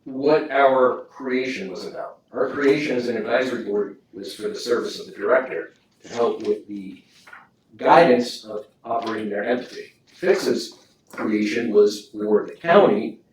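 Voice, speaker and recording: A man at a library board meeting, talking emphatically and quick to agree. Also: medium pitch, a little hiss or hum. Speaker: board member at a public meeting. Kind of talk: meeting discussion. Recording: echoey room, mic far off.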